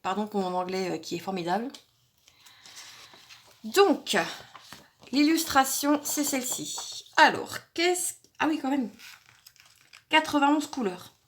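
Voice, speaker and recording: A woman's voice: on the high side, a little slow, long pauses, fairly bright tone. A woman vlogger chatting casually through an unboxing, thinking aloud with frequent hesitations and fillers. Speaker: crafting vlogger.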